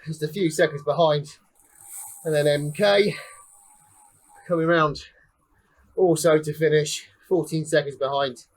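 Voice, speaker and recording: A young man, ride leader and race commentator, gives chatty live commentary on a cycling race while riding, slightly out of breath as he calls out finishers one by one. His voice is fairly high with a steady tone, a little slow, and he pauses often.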